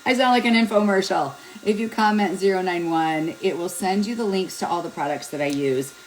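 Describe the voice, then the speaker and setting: Chatty, self-deprecating woman with a low voice. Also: a little fast, poor audio. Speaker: beauty vlogger. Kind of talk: casual hair tutorial. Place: home, at a mirror.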